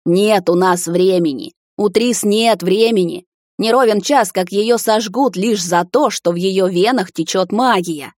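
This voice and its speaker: A woman's voice: lowish voice, normal speed, dry recording, studio quality, lightly acted. A woman voicing a desperate, anguished king. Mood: shouting, desperate. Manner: pleading then shouting, raw and broken. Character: anguished middle-aged king, desperate father. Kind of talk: audiobook character reading.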